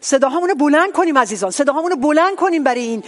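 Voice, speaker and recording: A woman's voice: sits high, lively intonation. A woman pastor leading a worship service in fervent prayer, calling out with urgent, repeated praise and rebuke.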